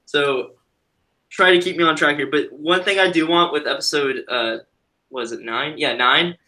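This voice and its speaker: Guy rambling on a stream, kinda high voice, really bright tone, keeps losing his train of thought. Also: moderate pace. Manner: rambling, self-interrupting. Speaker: guest on a live stream. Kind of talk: casual chat.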